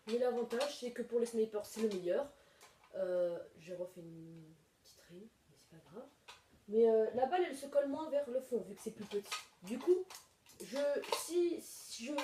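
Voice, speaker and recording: In a slightly high, warm voice, a woman hosts a casual home video reviewing toy blaster magazines, rambling with lots of hesitations and fillers. The recording is noisy and echoey, with the mic placed far away.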